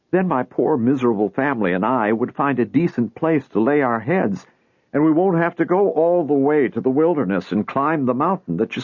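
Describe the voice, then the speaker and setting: A man voicing a desperate older man who pleads and bargains, lifting his voice well above his own husky tone. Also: medium pitch, no room sound, voice pushed up. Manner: pleading, persuasive. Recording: tinny phone-like dry recording.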